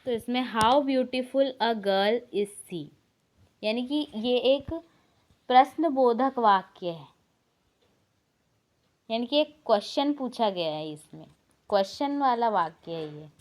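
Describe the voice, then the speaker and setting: Slow, deliberate woman teacher. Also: a little high, expressive. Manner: reads example phrases slowly and deliberately, then explains quickly. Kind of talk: online grammar lesson.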